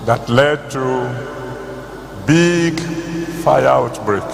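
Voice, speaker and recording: A man with a Nigerian accent preaching a sermon to a congregation, phrasing deliberately and repeating words for emphasis. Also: mid-range voice, gravelly. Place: large hall, church service. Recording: echoey hall, loud background noise.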